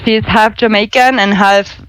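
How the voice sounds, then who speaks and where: A woman from Spain with a German accent in English, chatting as a podcast guest, self-deprecating and quick to laugh. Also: medium pitch, fairly even intonation, fairly bright tone, a little hiss or hum, low-quality recording. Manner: chatty, self-deprecating, frequent laughter, small grammar slips. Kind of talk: casual podcast chat.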